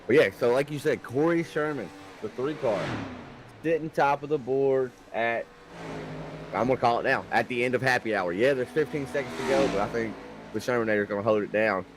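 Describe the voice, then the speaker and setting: A man's voice: medium pitch, a little fast, noisy background. A man with a Southern US accent, co-commentating a live racing broadcast over a headset in a folksy, easygoing way. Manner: folksy and easygoing, calls his partner brother and buddy. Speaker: race co-commentator.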